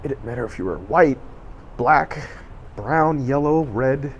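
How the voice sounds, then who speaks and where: A man's voice: medium pitch, lively intonation, measured pace, lo-fi sound. Rambling middle-aged man, faint background noise. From Southern California. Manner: rambling, many fillers and self-corrections. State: emotional, choking up. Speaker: vlogger. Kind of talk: personal storytelling to camera.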